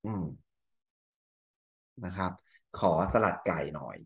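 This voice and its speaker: A male teacher with a Thai accent walks through exam answers, reading English lines slowly and explaining each one in Thai. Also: low-pitched, lively intonation, a bit bright.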